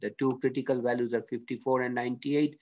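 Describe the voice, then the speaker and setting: A man's voice: medium pitch, flat delivery, fast. A man teaching a statistics lesson as a screen-recorded voice-over, working through it step by step and often checking in with "okay?". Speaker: statistics lecturer. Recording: dull lo-fi screen-recorded audio.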